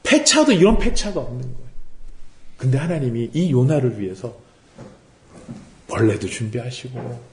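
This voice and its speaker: A man's voice: mid-range voice, very animated, normal speed, long pauses, roomy sound, slight background noise. A man preaching a sermon as pastor, asking rhetorical questions and acting out quotes. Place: worship service room.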